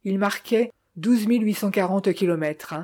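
A woman reading the part of a calm, shrewd detective who reasons step by step. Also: medium pitch, normal speed, lightly acted. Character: shrewd, calm middle-aged detective man.

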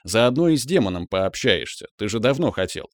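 A man's voice: lowish voice, very animated, fairly quick, no echo, studio quality. A man voicing a stern, commanding older mentor, a veteran mage, in an audiobook. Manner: commanding, matter-of-fact.

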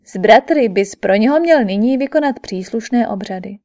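A woman voicing a calm divine male counsellor who explains steadily, read for an audiobook. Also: fairly high pitch, close to an everyday voice. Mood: explaining. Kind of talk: audiobook character reading.

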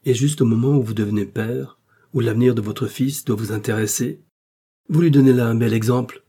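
A man's voice: mid-range voice, a little fast, warm tone, slightly rough. A man reading aloud and voicing a hurt, dignified young wife in a storybook reading. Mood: reproachful. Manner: reproachful, dignified.

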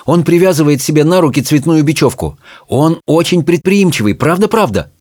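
A man's voice: on the high side, expressive, a little fast, a little mellow, no room sound, clean studio sound, voice pushed up. A man voicing a polite, somewhat flustered young girl in a storybook reading. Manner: polite, hesitant.

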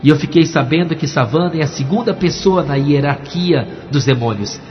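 A man's voice: on the high side, moderate pace, soft background music. Man preaching a dramatic testimony. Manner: dramatic storytelling, quoting voices. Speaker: pastor. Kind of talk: testimony sermon. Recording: dull recording with long hall reverb.

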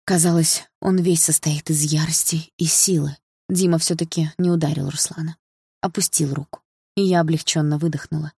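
A woman narrating an audiobook in the first person, calm and measured. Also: low-pitched, husky, no room sound, clean studio sound.

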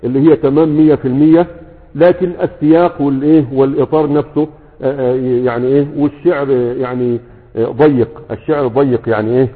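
Male grammar teacher, Egyptian accent, quick delivery full of rhetorical check-ins; tinny, echoey recording. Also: medium pitch, fairly even intonation. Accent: Egyptian Arabic. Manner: keeps checking in with rhetorical questions. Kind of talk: lecture with a class. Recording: echoey, tinny phone-like sound.

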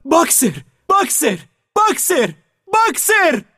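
A man voicing a motherly mare in an audiobook, crying out desperately in a shrill voice. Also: huge pitch swings, sharp tone, no echo, studio quality, full character voice. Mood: desperate calling. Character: motherly mare, terrified for a friend. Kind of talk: audiobook character voice.

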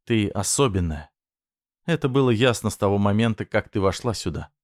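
A man voicing a menacing, possessive man who speaks slowly in a low, threatening tone. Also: animated, a little mellow, no echo, studio quality, lightly acted. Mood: coaxing. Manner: slow, low, threatening delivery.

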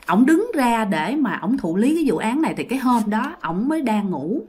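A woman's voice: on the high side, big pitch swings, normal speed, a little mellow, breathy edge. A woman telling a ghost story in a chatty way, often speaking straight to her listeners. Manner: chatty, addresses listeners as "các bạn". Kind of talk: casual ghost-story narration.

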